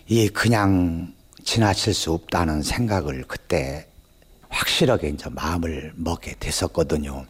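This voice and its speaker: Older educator interviewee: man in his sixties, deep voice, unscripted talk. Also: breathy edge. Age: 60s.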